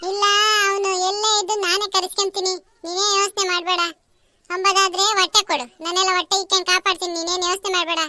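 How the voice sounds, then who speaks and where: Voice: extremely high pitch, flat delivery, fast talker, sharp tone, full character voice. A performer voicing pleading village women at a temple in a cartoon. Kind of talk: cartoon voice acting.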